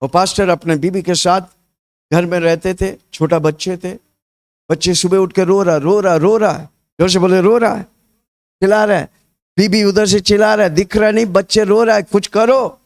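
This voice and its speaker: A man's voice: sits high, steady tone, normal speed. A man preaching a sermon. He tells stories with lots of repetition and rouses the congregation, urging them to repeat his words back. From India. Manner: rousing call-and-response, urging the congregation to repeat; storytelling with repetition.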